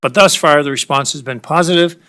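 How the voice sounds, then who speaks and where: Clear, bright-voiced male official. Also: on the high side. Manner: halting, searching for words. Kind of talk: press briefing answer.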